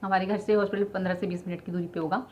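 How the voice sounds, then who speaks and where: Racing along, a young woman shares the personal tale of giving birth with her audience, filling it with lots of verbal fillers. Her medium-pitched, darkish voice shows little pitch movement, and the slightly dull lo-fi audio has faint ambience and slight background noise.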